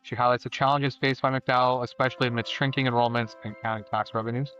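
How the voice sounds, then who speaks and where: A man's voice: mid-range voice, fairly even intonation, fast, fairly bright tone. Male podcast host, hesitant and filler-heavy; muffled, lo-fi audio with faint background music. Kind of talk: podcast interview.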